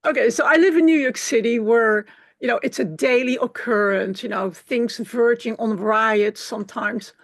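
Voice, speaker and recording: A woman's voice: fairly high pitch, moderate pace. A woman from the Netherlands speaking earnestly in an online group discussion. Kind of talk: casual chat. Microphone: video call.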